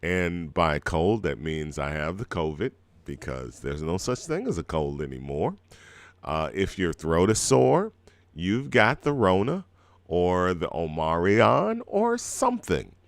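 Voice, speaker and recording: The host of a live music radio show, a middle-aged man with a cold-scratched throat, rambles in a relaxed chat. His low voice swings widely in pitch and moves a little slowly, with no room sound.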